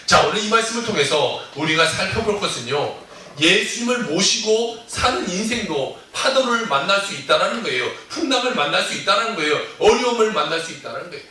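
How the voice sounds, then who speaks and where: A man's voice: high-pitched, fairly quick, hardly any pauses. Man preaching in an echoey church. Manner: animated storytelling, acting out disciples' cries. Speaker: pastor. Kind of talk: sermon. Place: church sanctuary. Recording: echoey church hall, distant mic.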